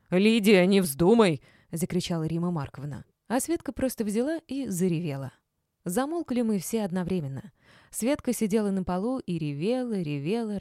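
A woman with a low, mellow voice narrates a first-person audiobook. The recording is dry, with clean studio sound.

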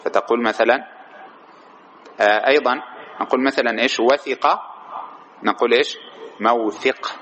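A man gives a grammar lesson in a mid-pitched voice, often putting a question to his students and repeating their answers. He stretches key words as he explains. A faint noise hums behind him. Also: normal speed, long pauses, a bit bright. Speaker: teacher of Arabic morphology. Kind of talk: classroom lecture with questions to students.

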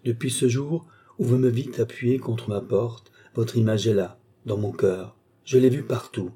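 A man voicing a shy young woman in an audiobook, speaking softly and in a hushed way. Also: medium pitch, measured pace, husky. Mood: tender. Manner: soft, hushed. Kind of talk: audiobook character voice.

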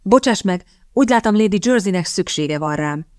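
A woman reading the part of a sardonic young gentleman who speaks in a measured, wry way. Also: medium pitch, lively intonation, no echo, clean studio sound, lightly acted.

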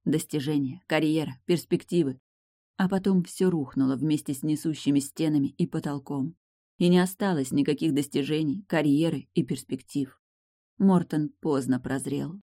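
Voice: mid-range voice, moderate pace, warm tone, dry recording. Audiobook narrator with a dry, close sound. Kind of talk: scripted narration.

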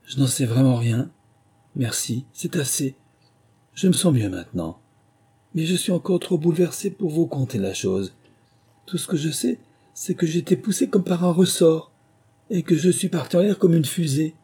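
A man's voice: on the high side, animated, normal speed, mellow, breathy edge, voice pushed up. A man voicing a small shaken lizard with a thin, piping voice in a storybook reading. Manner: breathless, shaken.

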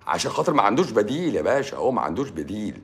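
Animated Egyptian man lecturing. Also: lowish voice, racing. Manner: preachy, emphatic, swings between loud and hushed. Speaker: doctor giving advice. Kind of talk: live-stream monologue.

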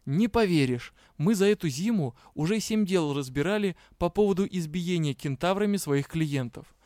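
A man doing a sardonic dark-elf watch officer. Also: on the high side, lively intonation, moderate pace, no echo, clean studio sound, lightly acted. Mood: grumbling.

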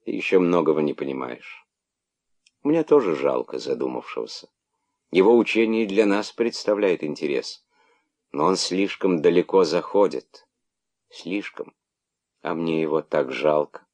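A man's voice: a bass voice, animated, darkish tone, heavily acted. A man doing a stern mother monkey. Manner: stern, measured.

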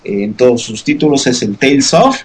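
A man's voice: medium pitch, expressive, moderate pace, slightly rough, low-quality recording. A man co-hosting a podcast, explaining game news in a rambling casual way with many fillers. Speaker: podcast co-host. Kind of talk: casual news segment chat.

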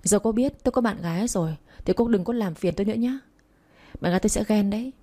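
A woman's voice: mid-range voice, quick pace, dark tone, close to an everyday voice. A woman reading the lines of a cold, arrogant young man in a spoken romance story, in a curt and dismissive manner.

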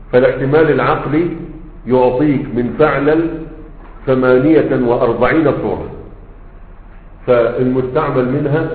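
A man with an Egyptian accent gives a classroom lesson, stopping often to check that his students follow. His voice is caught in a roomy hall with a long echo. The sound is thin and tinny, like a phone line. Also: mid-range voice. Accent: Egyptian Arabic. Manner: conversational teacher, frequent fillers and checks for understanding. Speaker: religious scholar teaching Arabic morphology.

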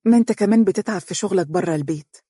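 A storyteller voicing a lively, teasing young wife in Egyptian dialect, pitching up to play her. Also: very fast, husky, no room sound, studio quality, close to an everyday voice. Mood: playful. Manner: bright, teasing, rising excited pitch. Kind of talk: storybook reading.

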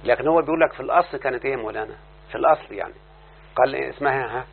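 A man's voice: medium pitch, very fast, gravelly. A man with an Egyptian Arabic accent leads a classroom lesson, firing questions at his listeners and waiting for their replies. The recording is thin and phone-like, with a faint hum running underneath. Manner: keeps quizzing listeners for answers. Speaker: teacher.

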